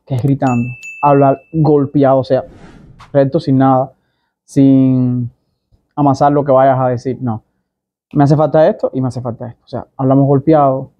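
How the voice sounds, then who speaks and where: A man's voice: medium pitch, no echo, muffled recording. A young man with a Cuban Spanish accent, talking casually to camera as a vlogger and explaining things with many asides and examples. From Cuba.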